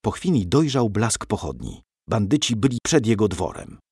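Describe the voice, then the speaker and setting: A man giving an expressive, dramatic scripted narration of a historical story. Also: fairly low pitch, normal speed, slightly rough, no echo, clean studio sound.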